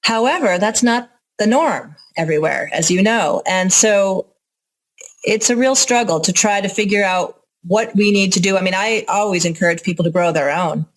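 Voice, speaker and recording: A woman's voice: medium pitch, normal speed, low-quality recording. A woman with an American accent speaking as an interview guest, informal and candid as she explains things. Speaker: interview guest, organic farmer and educator. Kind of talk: conversational interview answers.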